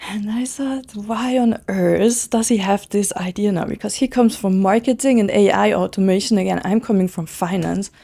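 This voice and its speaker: A woman in her thirties from Switzerland, chatting in an interview as a founder, eager and quick with lots of casual fillers. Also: mid-range voice, gravelly, dark tone. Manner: fast, enthusiastic, many "like" fillers. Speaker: guest, brand founder.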